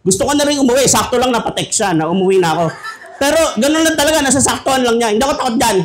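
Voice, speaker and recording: A man's voice: very high-pitched, animated, racing, crowd noise. A man from the Philippines preaching a humorous sermon as pastor, joking and conversational, laughing often.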